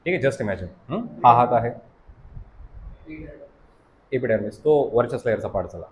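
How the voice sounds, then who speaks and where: A science teacher at a coaching academy lectures in a Marathi accent, constantly checking that students follow and mixing English terms into his explanations. His medium-pitched voice is a little mellow with lively intonation at normal speed, captured in lo-fi sound with slight background noise.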